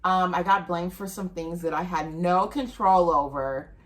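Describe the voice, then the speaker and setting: A woman's voice: on the low side, unhurried, fairly bright tone. A woman hosting a podcast, chatting casually and playfully with a friend. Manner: playful, chatty, laughs easily. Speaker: podcast host. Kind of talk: casual chat.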